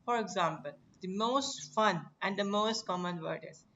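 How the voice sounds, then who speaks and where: Unhurried Pakistani male English teacher. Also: high voice, pushed and bright, dull audio, a little hiss or hum. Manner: slow, deliberate, stretching English phrases. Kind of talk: live class explanation, mixing English and Urdu.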